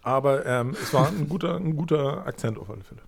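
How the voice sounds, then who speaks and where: A man's voice: fairly high pitch, fast, gravelly, slightly rough. A man on a podcast panel in casual chat, teasing and questioning the others.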